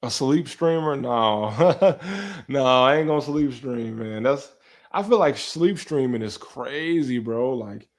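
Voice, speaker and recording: A young man in his twenties, hosting a casual live stream, talking slangy and relaxed while answering chat and talking to his dog. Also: medium pitch. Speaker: livestream host.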